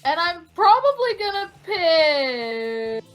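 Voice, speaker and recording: Woman gamer chatting, high lively voice, unhurried, easygoing. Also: faint music behind. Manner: giggly, easygoing, narrates game actions. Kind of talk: casual let's-play chat.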